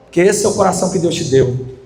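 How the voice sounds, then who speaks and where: A man's voice: high voice, lively intonation, fast, gravelly, music in the background. A man preaching a sermon as pastor, telling a story and asking the congregation for amens. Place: church hall. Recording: long hall reverb, faint ambience. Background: congregation responses.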